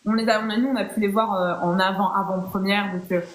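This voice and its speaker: Hosting a live chat, a woman talks fast in a steady, mid-range voice, keeping it playful and chatty with frequent fillers and restarts. The casual conversation carries a roomy echo.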